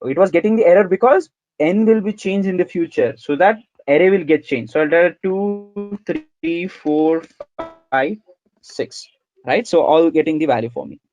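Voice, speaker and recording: A man's voice: fairly high pitch, moderate pace, a little mellow, no room sound, dull audio, faint music behind. A man teaching a coding lesson, talking through each line as he types, repeating himself and calling the viewers "guys". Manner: talks through code as he types, many repeats, says "guys" and "sir". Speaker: programming instructor. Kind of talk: screen-recorded coding tutorial.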